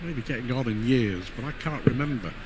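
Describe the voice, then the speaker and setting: A man's voice: medium pitch, lively intonation, a little fast. A man giving conversational live commentary on a darts match. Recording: clear venue noise behind commentary.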